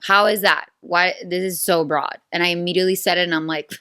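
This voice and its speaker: A Venezuelan woman in her thirties, a native Spanish speaker with a Venezuelan accent, hosts her own solo podcast in playful, chatty, self-aware talk. Her fairly low voice is steady, a little fast, bright, forceful, and clean, in echo-free studio sound.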